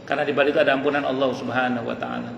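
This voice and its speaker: This preacher has a mid-range, gravelly, fairly bright voice with little pitch movement, and he talks in a rapid-fire way over slight background noise. His mosque sermon is earnest yet conversational, built on questions he raises and then answers. The recording carries the long reverb of an echoey mosque hall.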